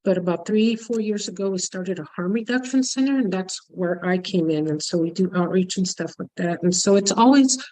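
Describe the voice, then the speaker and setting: A woman's voice: medium pitch, brisk, few pauses, dark tone, rough recording. A woman in long-term recovery who works in harm reduction, sharing in a casual, upbeat way on a video call. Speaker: harm reduction outreach worker. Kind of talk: online workshop share.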